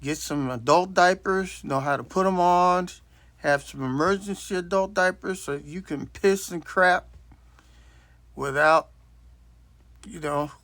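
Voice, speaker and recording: Older guy in his sixties rambling bluntly into his phone, voice sits kinda high, dry sound. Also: fairly bright tone, no room sound. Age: 60s. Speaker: vlogger. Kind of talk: casual storytelling monologue. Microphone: self-recorded on a phone.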